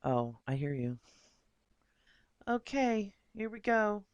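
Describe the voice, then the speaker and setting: A woman's voice: mid-range voice, big pitch swings, slow, a little mellow, no echo, highs cut off. A woman co-hosting a live painting stream, chatting casually and listening in an easygoing, supportive way. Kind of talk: casual chat.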